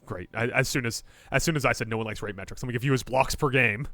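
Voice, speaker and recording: A man's voice: medium pitch, quick pace, no room sound. A man co-hosting a sports podcast in casual, joking chat, often restarting his sentences. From Japan. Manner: animated, joking, trails off in restarts. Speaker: podcast co-host.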